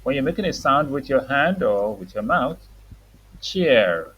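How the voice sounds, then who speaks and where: Deep-voiced woman teaching a young child to read. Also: big pitch swings, a little slow, muffled recording, a little hiss or hum. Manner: simple, patient child-directed explanations with words repeated for a small child. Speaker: reading teacher. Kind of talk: teaching words to a young child, reading aloud and prompting repetition.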